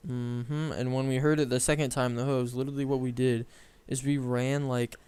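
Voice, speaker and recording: A young man co-hosting a casual story show, wandering through his tale with constant fillers and restarts. His voice sits in an ordinary middle pitch, with a faint hum of noise behind him. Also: flat delivery, normal speed, dark tone. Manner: rambling, many "like" fillers and self-corrections.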